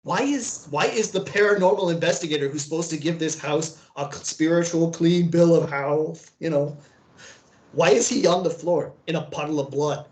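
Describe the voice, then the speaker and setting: A man's voice: on the high side, normal speed, roomy sound, lightly acted. A man voicing a shaken, panicky property owner in a tabletop game. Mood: panicked. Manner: panicky, shouting.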